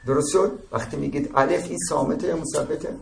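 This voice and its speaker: Gravelly-voiced man lecturing in an echoey room. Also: on the high side, steady tone. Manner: explaining with frequent checks "درست شد؟". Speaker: seminary teacher. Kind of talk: religious seminary lecture. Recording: echoey room with faint ambient noise.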